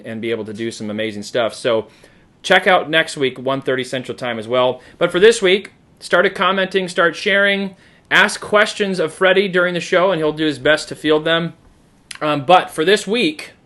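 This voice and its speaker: A man hosting a live online show, chatty and energetic, with frequent fillers. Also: mid-range voice. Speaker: host.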